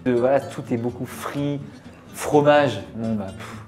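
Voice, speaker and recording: Young man, Parisian accent, casual interview chat, relaxed, lots of fillers, mellow voice. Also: medium pitch, unhurried, faint music behind. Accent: Parisian French. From France. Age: young adult. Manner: relaxed, chatty, full of filler words. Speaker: interview guest.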